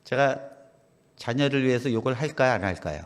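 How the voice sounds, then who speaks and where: A middle-aged man preaches in a small church, and his voice rises and falls in a lively, wide sweep. He drops to soft asides, then builds to loud, emphatic lines. A long reverb trails after every phrase. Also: mid-range voice, fairly quick. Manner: swings between soft asides and loud emphatic preaching, acting out quoted dialogue. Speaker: pastor. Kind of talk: sermon.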